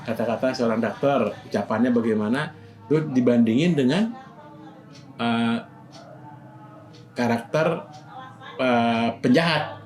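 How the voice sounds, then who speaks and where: Man, acting coach, conversational, demonstrates lines, mid pitch, soft music underneath. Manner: explains by acting out quick example lines. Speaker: acting teacher. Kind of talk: casual explanatory chat.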